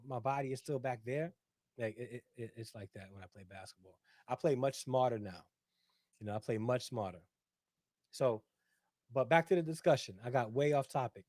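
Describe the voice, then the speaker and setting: On his casual livestream, the middle-aged host goes on at length, reading viewer comments and frequently asking "right?" while repeating himself. His voice is medium in pitch with a darkish tone, recorded cleanly in the studio with no room sound.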